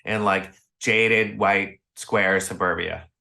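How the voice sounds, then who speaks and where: A Chicago man with an American accent appears as a podcast guest, telling casual, chatty anecdotes and acting out the dialogue in them. His deep voice is slow and fairly even in intonation, creaky yet pushed and bright.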